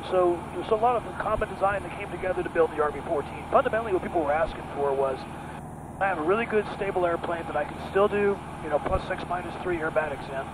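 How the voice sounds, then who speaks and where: Upbeat middle-aged pilot, slightly higher voice. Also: male voice, background noise. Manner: enthusiastic, measured explanations. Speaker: aircraft company pilot. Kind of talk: casual cockpit conversation. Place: small aircraft cockpit in flight. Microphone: headset boom mic. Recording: loud engine drone behind.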